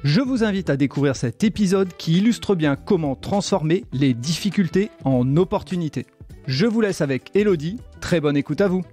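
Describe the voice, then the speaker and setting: A man's voice: fairly high pitch, expressive, normal speed, dark tone, soft background music. A man hosting a podcast, reading a welcoming intro, then interviewing his guest. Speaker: podcast host.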